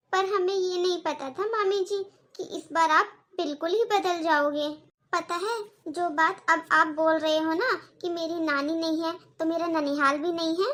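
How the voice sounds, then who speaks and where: An outspoken young girl, voiced by a woman for a Hindi-language cartoon, talking in a very high, sharp voice. She pleads earnestly and stands up for her mother. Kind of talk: cartoon voice acting.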